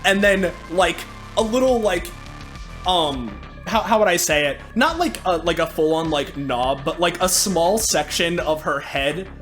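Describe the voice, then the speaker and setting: A man's voice: a little high, expressive, unhurried, fairly bright tone, soft background music. A man playing a tabletop game, describing his actions in a rambling way full of fillers. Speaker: player.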